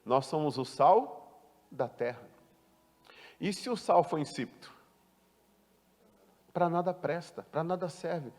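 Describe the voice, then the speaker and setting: A man pastor preaching a sermon, emphatic and full of rhetorical questions, swinging from loud to hushed. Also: on the high side, expressive, takes it slowly, pauses often, big-room sound. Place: church.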